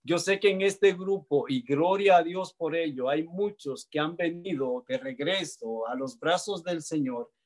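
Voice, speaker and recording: A man preaching a sermon and reading scripture aloud, with slow delivery and dramatic pauses that swing between loud and soft. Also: on the high side.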